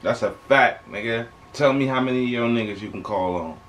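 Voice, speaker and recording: A man's voice: medium pitch, a little fast. A young man with an American accent hosts a reaction video with casual, slangy commentary, repeating points for emphasis. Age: young adult. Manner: slangy, conversational, emphatic repetition. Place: small bedroom indoors. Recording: clear background noise, home webcam recording.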